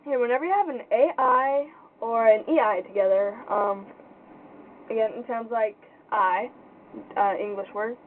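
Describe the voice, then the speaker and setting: A young woman giving an informal pronunciation lesson in a casual, halting way, thinking aloud as she explains. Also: on the high side. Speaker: language tutor. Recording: tinny phone-like sound with faint noise.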